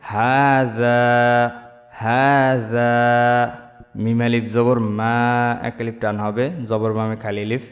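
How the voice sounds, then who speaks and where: A man teaching Quran reading, spelling out letters and vowel marks slowly and then chanting the words drawn out. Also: on the low side, flat delivery, darkish tone, long reverb tail, soft background music. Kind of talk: slow spelled-out Quran recitation lesson.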